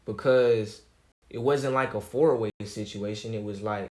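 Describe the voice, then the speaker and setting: Calm low-voiced male streamer. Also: a little slow. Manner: laid-back, calm, slangy street talk. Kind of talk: casual livestream commentary.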